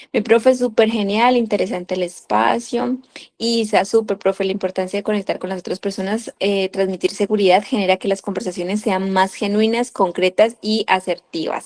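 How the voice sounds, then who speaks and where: Young woman teacher, reads out student comments, warm encouraging tone. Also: medium pitch. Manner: warm, encouraging, often asks "¿sí?". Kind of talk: online class, reading and answering chat comments.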